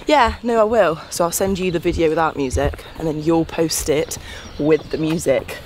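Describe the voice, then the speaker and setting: Here a man talks through a task in a casual way, often stopping to restart his sentences. His voice sits fairly high for a man. Background noise is plainly heard behind him. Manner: halting, explains with restarts. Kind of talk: casual explaining. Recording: noisy background.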